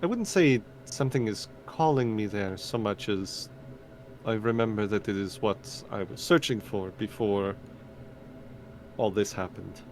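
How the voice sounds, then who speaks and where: A man's voice: on the low side, measured pace, darkish tone, slight background noise. A man doing a courteous formal wizard. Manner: formal, old-fashioned phrasing. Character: courteous, formal male wizard, middle-aged.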